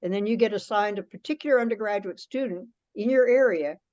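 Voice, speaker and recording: A woman gives an informal, explanatory presentation over a teleconference call, speaking conversationally. Her medium-pitched voice is brisk and darkish, and the conference call audio is dull and lo-fi.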